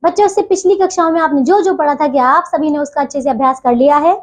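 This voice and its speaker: A woman's voice: high voice, fast talker. A young woman teaching a grammar lesson to schoolchildren, patient and repetitive, often checking that the children follow. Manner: patient, repeats "theek hai bachchon" constantly.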